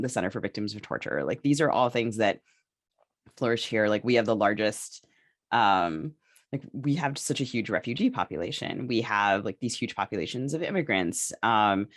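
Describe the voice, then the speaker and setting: A woman with a bass voice co-hosts a podcast discussion. She talks casually and haltingly, thinking her points through out loud.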